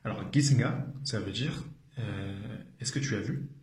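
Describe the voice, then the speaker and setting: A man's voice: lowish voice, measured pace, darkish tone. Guy teaching a language lesson, repeats everything, lots of ums, roomy echo. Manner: patient, repeats each phrase, frequent hesitations. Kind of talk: explanatory video lesson.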